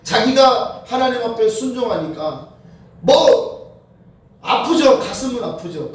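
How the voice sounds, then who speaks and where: A woman preaching a sermon, moving between fervent shouted prayer and quiet storytelling. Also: a little high. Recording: echoey hall heard from a distance.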